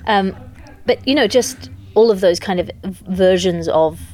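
Speaking a little slowly in a mid-range, slightly mellow voice, a woman comedian has a casual chat backstage at a venue. She reasons things out thoughtfully and analytically.

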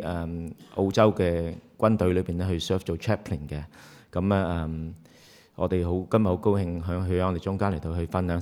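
Male host pastor with a very low voice, friendly and full of fillers, in a reverberant church hall. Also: mellow. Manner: friendly, hesitant with many fillers. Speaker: pastor hosting the service. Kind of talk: church announcement and introduction.

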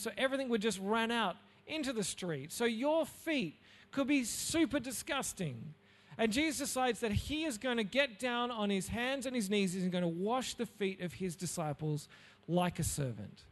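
High voiced guy doing a jokey bible talk, long hall echo. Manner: animated, jokey. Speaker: preacher. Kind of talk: Bible talk for young listeners.

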